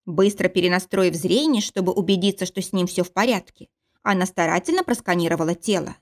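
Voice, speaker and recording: A woman reading a fantasy romance audiobook in a measured, even narration. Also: on the low side. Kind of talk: scripted narration.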